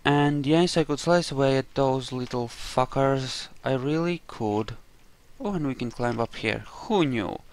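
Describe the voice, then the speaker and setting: A man with a medium-pitched, unhurried voice, recorded with no room sound, does casual let's play commentary on a roleplaying game. He rambles and thinks aloud as he narrates his own playthrough.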